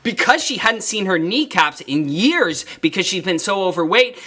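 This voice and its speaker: Upbeat male trainer-host, bright forward voice, pumps up listeners with emphatic repeated lines. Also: sits high, moderate pace. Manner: energetic, emphatic, repetitive motivational phrasing. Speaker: fitness trainer and podcast host. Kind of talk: solo motivational podcast storytelling.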